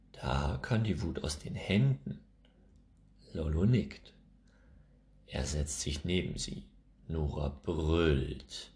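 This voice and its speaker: A man reading a children's story aloud, expressive and measured. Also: rumbling low. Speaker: narrator.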